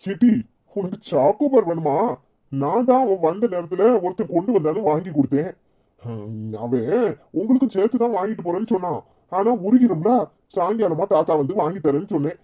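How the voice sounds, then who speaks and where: A voice actor playing a gentle, placating old village grandfather with a Kanyakumari Tamil accent in a cartoon. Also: medium pitch, a little fast, natural voice. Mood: soothing. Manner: calm, placating. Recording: dull lo-fi audio.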